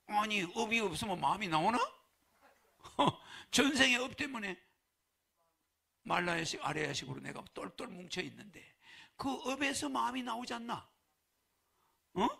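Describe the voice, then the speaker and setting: A religious leader preaches a sermon to his followers in a folksy way, chuckling and throwing rhetorical questions at them. His voice is very high-pitched, bright and forceful, both gravelly and husky.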